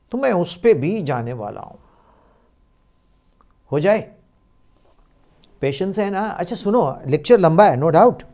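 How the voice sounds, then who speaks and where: Slow-dictating physics teacher, man. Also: on the high side, a little mellow. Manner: slow, deliberate dictation with Hindi-English mixing. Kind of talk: recorded physics lecture.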